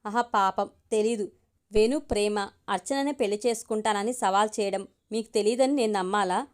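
A woman narrating and voicing a tactful, witty wife in an audio story, soft and persuasive in her speech. Her pitch stays in the everyday middle range. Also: moderate pace, natural voice. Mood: gentle.

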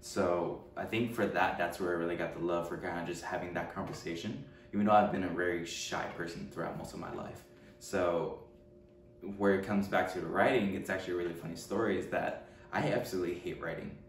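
A man's voice: deep voice, steady tone, brisk, vocal fry. A man in his twenties from California, answering interview questions at home in a hesitant way, with many fillers and restarts. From Richmond, California. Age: 20s. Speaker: documentary interviewee. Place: room at home, seated. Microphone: far camera mic. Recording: roomy echo, distant mic, faint hum.

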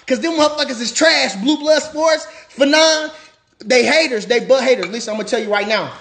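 Brash high-voiced man ranting hyped. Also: a little fast, a little hiss or hum. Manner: loud, brash trash talk, shouting at times. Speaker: former boxer. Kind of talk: hyped livestream rant.

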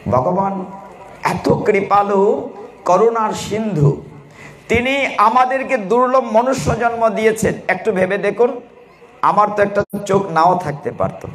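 A man preaches a devotional sermon. He tells stories and asks his listeners questions as he goes. The sound carries a strong echo from a large hall. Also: high voice. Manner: storytelling, asks the audience questions. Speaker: Gita preacher. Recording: echoey hall.

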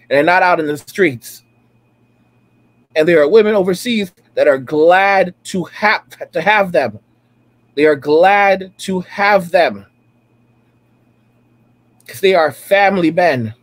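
A man near forty with a high-pitched voice delivers emphatic, repetitive commentary over video clips. He hammers his points home again and again in a preachy tone, streaming from a room at home. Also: no room sound. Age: late 30s. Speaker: reaction streamer.

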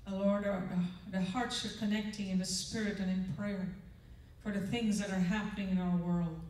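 A woman's voice: medium pitch, darkish tone, far from the mic. An older woman giving a chapel devotional and prayer into a handheld microphone on a large church auditorium stage, talking in an earnest, conversational way that keeps checking in with the audience. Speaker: chapel speaker. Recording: echoey hall, mic heard from afar.

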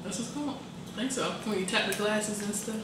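A young woman jokes around loudly as she co-hosts a food vlog, then drops to a low mumble. Her voice bounces around a very echoey room, away from the mic. A steady noise runs behind her. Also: a little fast, far from the mic. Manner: loud, joking, swings between shouting and mumbling. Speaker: vlog co-host. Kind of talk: casual chat.

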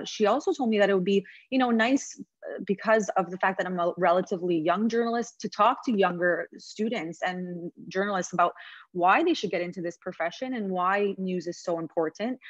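A woman's voice: fairly low pitch, no echo. A woman in her late twenties from Montreal, a news reporter speaking as a guest to journalism students over a video call, talking in a conversational way with many fillers and restarts. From Montreal, Canada. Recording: dull dry video-call audio.

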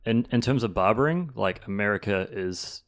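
A young man, a barber guest, chatting enthusiastically in a podcast interview in a small home studio on a boom mic. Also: lively intonation, moderate pace. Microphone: studio boom mic with headphones.

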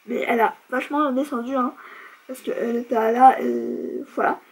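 A woman's voice: a little high, fairly even intonation, normal speed, vocal fry, slight background noise, poor audio. A young woman vlogger chatting casually through a beauty product review, chatty and self-mocking, with lots of fillers.

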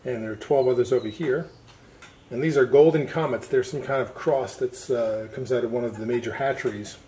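Out among the pens and concrete patio of a farm, a man with a mid-range voice gives a brisk, unscripted demonstration for a how-to video. He explains things plainly and folksily, as a farmer would. Loud chirping birds, clucking and clicks fill the noisy recording.

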